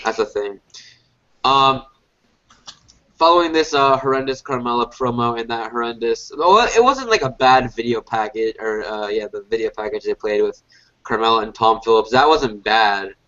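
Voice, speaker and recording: Pushed and bright, this mid-range male voice moves at a moderate pace as he chats casually about wrestling on a review podcast he co-hosts. Congested like he's a bit under the weather, he wanders through his points with frequent fillers and false starts, all captured in dull, lo-fi podcast sound.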